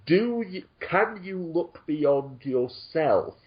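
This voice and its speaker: A man's voice: on the high side, expressive, drawn-out words, dull audio. A man talking on an online show, sarcastic and indignant, swearing freely as he rants. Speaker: guest commentator. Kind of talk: casual online talk show discussion.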